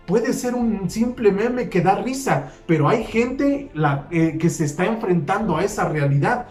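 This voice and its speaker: A man's voice: high-pitched, a little mellow. A man preaching a sermon, emphatic, repeating his key phrases and counting off numbered points. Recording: roomy echo with faint music.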